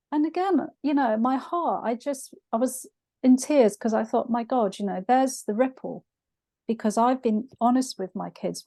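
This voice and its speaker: A middle-aged woman hosts a conversational podcast and tells personal stories with open feeling. Her voice is mellow and soft-edged, and it sounds close and dry, with no room around it. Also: fairly high pitch, no echo. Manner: heartfelt storytelling. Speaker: podcast host. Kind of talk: conversational interview.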